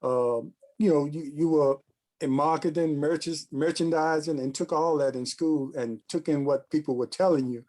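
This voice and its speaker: A man's voice: a little high, steady tone, darkish tone. Thoughtful man hosting a talk show. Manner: measured, thoughtful, speaks in long musing runs. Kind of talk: reflective commentary in a casual talk show.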